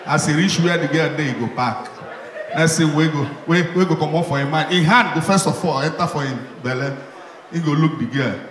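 A man with a Nigerian Igbo accent doing stand-up comedy on a live stage, animated, slipping into mocking voices for his characters. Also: on the high side, fairly quick. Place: live stage with audience in a hall. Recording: echoey hall, audience noise. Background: audience laughter.

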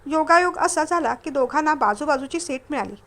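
A woman storyteller reading a story aloud in a calm, even way. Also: high-pitched, a little fast. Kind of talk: scripted story narration.

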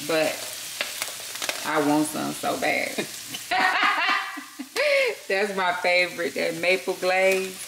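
A woman's voice: fairly low pitch, very animated, very slow, gravelly, pauses often, a little hiss or hum. A woman filming a home cooking session, chatting casually and describing what the cook is doing from behind the camera. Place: home kitchen, indoors. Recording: echoey kitchen with loud sizzling.

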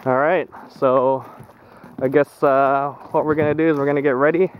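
A man's voice: mid-range voice, fairly even intonation, moderate pace, narrow, tinny audio. A young man chats casually while hosting a vlog from behind a handheld camera in the open air. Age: young adult. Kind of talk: casual chat. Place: open foggy lakeside, outdoors. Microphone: handheld camera mic. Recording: outdoor camera with background noise.

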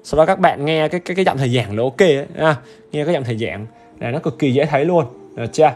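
Over soft background music, a male English teacher with a somewhat high, slightly mellow voice talks fast and animatedly during a livestream exam review. He stays upbeat and chatty, checking in with viewers repeatedly and pressing them to comment.

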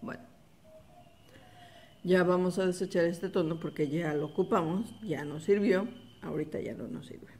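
A woman giving a patient, step-by-step embroidery lesson, calmly repeating each stitch. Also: lowish voice, moderate pace, pauses often. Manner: calm step-by-step instruction, repeats the steps softly. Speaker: embroidery teacher. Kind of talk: slow, patient craft tutorial.

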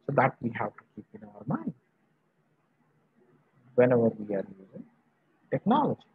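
A husky-voiced male university professor from Varanasi in northern India lectures online students from a small indoor room. His mid-range voice swings hugely in pitch, and he speaks emphatically in halting short phrases he repeats. The video-call audio is muffled and dull, with no echo.

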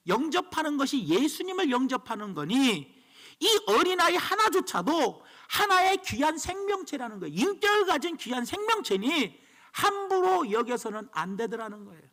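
A man's voice: extremely high pitch, big pitch swings, normal speed, sharp tone. A man preaching a sermon as pastor, emphatic and storytelling.

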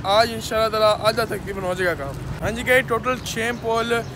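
A man's voice: high-pitched, fairly quick. A young man from Pakistan with a Punjabi-tinged Urdu accent, vlogging from a rooftop construction site and explaining the work to viewers. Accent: Punjabi-influenced Urdu. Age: young adult. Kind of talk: casual vlog walkthrough. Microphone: phone camera held at arm's length. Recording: noisy outdoor phone recording.

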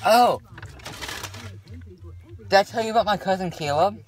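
A teenage young man chatting casually and loopily, rambling in an excitable way into a handheld phone. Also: sits high, moderate pace. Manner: giddy, loopy, excitable. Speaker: patient filmed after wisdom teeth surgery. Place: inside a car, later rooms in a house. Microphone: phone at arm's length. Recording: noisy handheld phone recording.

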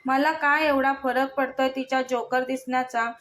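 A woman's voice: high voice, fairly even intonation, normal speed, fairly bright tone. A woman voicing a domineering young husband in a spoken storybook, scolding harshly. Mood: frustrated. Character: stern, domineering young husband, quick to anger.

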